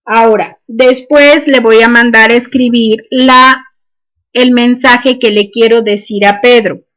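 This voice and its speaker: A woman's voice: a little high, fairly even intonation, a little slow, a bit bright. A woman, teaching a programming class and dictating each step with "este" fillers. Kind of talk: screen-recorded coding lesson.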